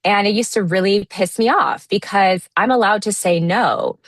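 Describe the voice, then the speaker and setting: A woman in her thirties talking in a relaxed, reflective way as an interview guest, often restarting her sentences. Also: medium pitch, normal speed, dry recording. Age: 30s. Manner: reflective, many restarts and fillers. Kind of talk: casual interview talk.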